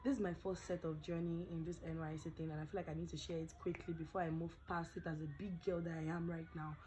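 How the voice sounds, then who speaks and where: A woman's voice: fairly low pitch, little pitch movement, quick pace, warm tone, slight background noise, low-quality recording. A young Nigerian woman vlogging casually, chatting with pidgin phrases, her voice not fully recovered. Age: young adult. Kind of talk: casual storytelling vlog.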